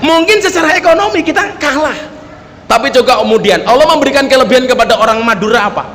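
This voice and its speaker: Male preacher, high voice, comic storyteller who keeps addressing the crowd; long hall reverb, faint noise behind. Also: lively intonation, quick pace, fairly bright tone. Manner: joking storyteller, often turning to the audience with "Pak". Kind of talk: humorous sermon. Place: public gathering with local officials.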